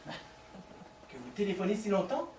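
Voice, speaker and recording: A man's voice: high voice, sing-song, a little slow, vocal fry, a little mellow, slight background noise, exaggerated voice. A male stage actor playing a lovesick man who pleads with his lover over the phone, talking theatrically and stammering in a live comedy performance. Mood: pleading. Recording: echoey stage recording from far off.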